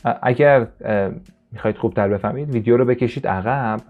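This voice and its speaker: A man whose first language is Persian, teaching an English listening lesson and slowly repeating English phrases for his students. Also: mid-range voice, narrow, tinny audio, soft background music. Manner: slow, drawn-out repetition of English phrases.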